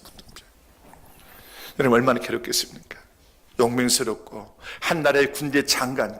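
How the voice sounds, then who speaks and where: A man's voice: mid-range voice, fairly bright tone. A man preaching a sermon as pastor in a church, often asking his congregation rhetorical questions. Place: church sanctuary.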